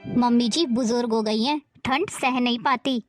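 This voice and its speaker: A woman's voice: fairly high pitch, moderate pace, soft background music, lightly acted. A woman voicing a caring elder daughter-in-law who lectures firmly. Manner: firm, lecturing.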